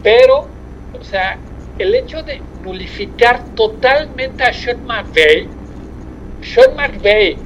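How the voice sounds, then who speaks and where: Un hombre con acento mexicano comenta deportes desde su coche por un teléfono móvil de línea crujiente y entrecortada, hablando pausado y con muchas muletillas. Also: male voice, extremely high pitch, wildly swooping pitch. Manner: measured, hesitant with many fillers. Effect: choppy, crackly mobile phone line. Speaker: sports commentator. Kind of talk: sports discussion chat. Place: in a moving car. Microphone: mobile phone. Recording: lo-fi breaking phone line, faint noise.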